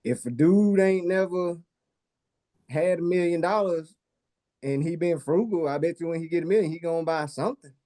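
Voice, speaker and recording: A man's voice: on the high side, moderate pace, dark tone. A man on a discussion panel talking casually in a drawling, slangy way.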